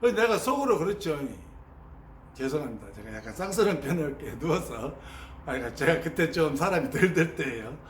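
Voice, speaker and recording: A man telling his spiritual experiences in an animated, storytelling way and mimicking sounds as he teaches. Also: a little high, fairly quick. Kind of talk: spoken teaching on meditation experiences. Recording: roomy sound with faint ambient noise.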